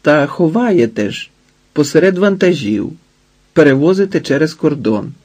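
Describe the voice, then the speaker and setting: Guy voicing brash young giant, cool and cocky, a bit higher and louder, storybook. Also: lively intonation, moderate pace. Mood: pushing. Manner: brash, cool-headed bargaining. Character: bold young giant man, cocky and cunning.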